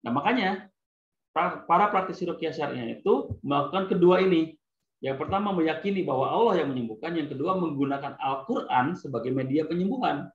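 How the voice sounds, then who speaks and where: A man's voice: a little high, expressive, fairly quick. A man teaching an online lecture, explaining patiently and answering his own rhetorical questions, his voice choppy and breaking up over a bad connection. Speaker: ruqyah teacher. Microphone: video call. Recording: echoey lo-fi online call audio.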